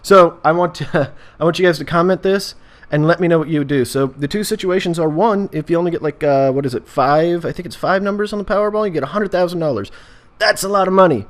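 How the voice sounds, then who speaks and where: A man's voice: a little high, quick pace, few pauses. A man with an American accent chatting casually as a video host, rambling in a jokey way and often interrupting himself. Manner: jokey, meandering, self-interrupting. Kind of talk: casual rambling vlog chat.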